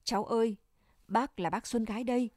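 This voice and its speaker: A woman's voice: on the high side, fairly even intonation, brisk, darkish tone, no echo, lightly acted. Woman reader as a grieving village aunt, choked and tearful, dry close sound. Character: older village woman, kindly, grieving and weeping.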